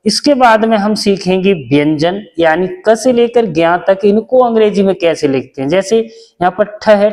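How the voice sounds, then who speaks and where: A man's voice: high voice, darkish tone, long reverb tail. A man teaching a basic lesson, patient and repetitive, asking questions and answering them himself. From India. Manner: patient, repeats each step, asks and answers own questions. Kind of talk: classroom lesson.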